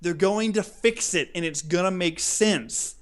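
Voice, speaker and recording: Speaking a little slowly, a man co-hosting a casual podcast goes on comic rants in a notably high-pitched voice. He is excitable and theatrical, performing his reactions as he talks.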